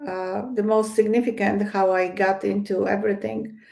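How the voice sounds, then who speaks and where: A woman from Poland with a Polish accent appears as a guest psychic medium in a casual interview. Her mid-range voice is level, a little mellow, with vocal fry at normal speed, and her speech is hesitant, full of fillers and restarts.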